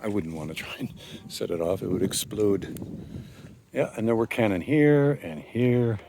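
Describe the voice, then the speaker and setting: A man narrating a casual walking tour of an old fortress outdoors, rambling with many pauses and fillers, recorded on a handheld camera mic. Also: fairly low pitch, expressive, dark tone, slight background noise. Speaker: tour guide vlogger.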